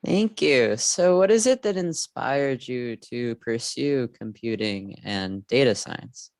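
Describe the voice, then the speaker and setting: A man's voice: mid-range voice, lively intonation, takes it slowly, no room sound, clean studio sound. A man hosting an interview, asking questions in a polite, formal way. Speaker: interview host.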